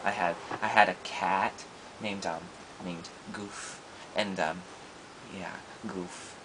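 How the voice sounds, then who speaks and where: A man's voice: low-pitched, steady tone, takes it slowly, a bit bright, slight background noise, rough recording. A man playing a shy, insecure schoolboy with no friends in an improvised comedy monologue, talking in a hesitant, rambling way full of ums and restarts. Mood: sheepish.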